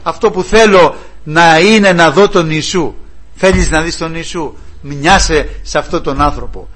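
A man preaching a sermon, impassioned, moving from loud cries to hushed pleading. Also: a little high.

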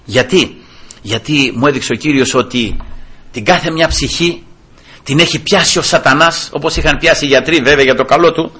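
Fervent older male preacher, bright and husky. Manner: impassioned, climbing to fervent high peaks. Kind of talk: sermon testimony.

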